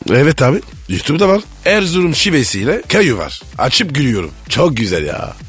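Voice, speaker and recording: A man co-hosting a comic radio show, tossing in quick reactive quips. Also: mid-range voice, big pitch swings, fairly bright tone, husky, faint music behind. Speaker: radio co-host.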